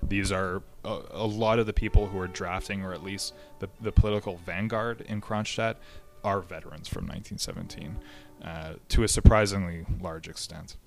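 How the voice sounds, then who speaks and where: A history podcast host with a very deep, creaky voice explains the past in a relaxed, conversational manner at a normal speed. He often hesitates, restarts phrases, and fills pauses with ums and uhs, while faint music plays quietly in the background.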